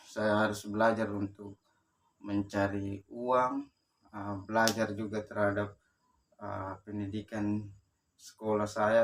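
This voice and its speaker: Low-voiced man telling his story haltingly. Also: distant mic, a little hiss or hum. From Sumba, eastern Indonesia. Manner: halting, with frequent "ah" pauses and restarts. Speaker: motivational speaker. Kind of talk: personal life story told to camera.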